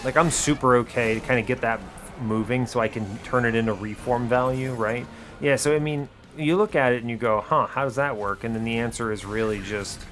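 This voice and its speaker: A man with a medium-pitched, fairly bright voice hosts an educational gaming video series. He thinks aloud in casual, chatty commentary marked by breezy, wry understatement.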